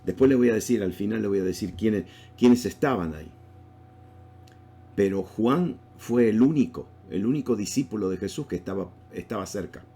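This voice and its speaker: A man with a low, mellow voice leads a Bible study lesson. He teaches in a loose, conversational way, stopping to restart phrases and asking his listeners rhetorical questions. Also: moderate pace.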